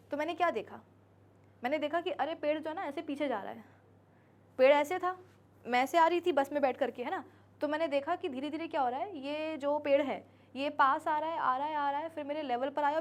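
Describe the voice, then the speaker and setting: A woman teaching a physics class, chatty, acting out little scenes and her students' replies, often checking that they understand. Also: sits high. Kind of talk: classroom lecture in Hindi with English terms.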